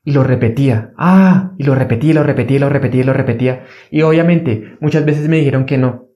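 A man's voice: fast, mellow. A man giving an earnest motivational self-help talk, repeating key phrases for emphasis. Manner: earnest, repetitive, acts out a fearful inner voice in a higher pitch. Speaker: motivational speaker.

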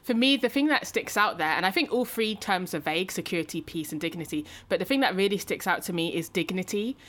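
A woman co-hosting a podcast, reflecting aloud in a thoughtful, measured way. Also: lowish voice, expressive, a bit bright. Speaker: podcast co-host. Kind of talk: reflective discussion.

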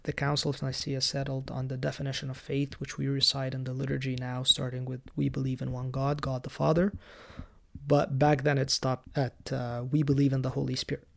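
A man hosting a solo teaching podcast, explaining church history in a calm, lightly wry way. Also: mid-range voice. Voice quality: gravelly. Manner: raised in the Coptic Orthodox Church. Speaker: podcast host.

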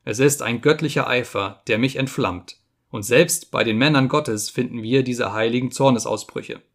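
A man's voice: medium pitch, normal speed, gravelly. A man voicing a furious old friar who rants and quotes scripture, in an audiobook reading. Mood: enraged. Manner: ranting, quoting scripture.

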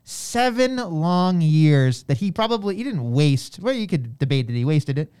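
A man's voice: fairly high pitch, big pitch swings, normal speed, darkish tone, smooth. A man co-hosting a podcast in a casual, conversational way, repeating phrases as he reasons things out. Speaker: podcast co-host. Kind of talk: casual discussion of wrestling.

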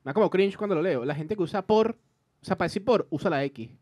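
A man's voice: high-pitched, lively intonation, quick pace, darkish tone. A Venezuelan man with a Venezuelan accent, co-hosting a podcast and asking teasing questions. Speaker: podcast co-host. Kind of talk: casual chat.

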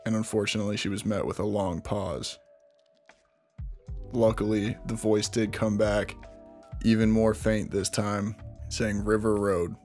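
A man's voice: on the low side, gravelly, a little mellow. A man hosting a true crime podcast, recounting a case in a casual, conversational way with frequent restarts and asides. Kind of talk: casual storytelling narration.

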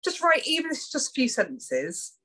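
A woman's voice: high voice, wildly swooping pitch, a little fast, sharp tone. A woman co-hosting a casual podcast chat, easygoing and giving advice while laughing along. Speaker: podcast co-host.

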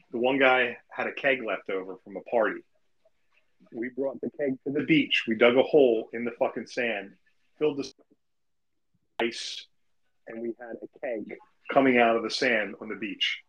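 A man telling a casual story over a phone call with headphones, his audio choppy and cutting in and out with clipped endings. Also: mid-range voice. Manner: excited, laughing, says "like" often. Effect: choppy phone audio cutting in and out with cut-off endings. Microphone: phone with headphones in his pocket on a call.

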